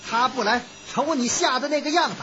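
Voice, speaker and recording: A woman's voice: high voice, brisk, noisy background, natural voice. A woman storyteller voicing a sly, joking middle-aged man who teases and mocks. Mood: teasing. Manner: teasing, mocking. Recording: dull lo-fi recording with music.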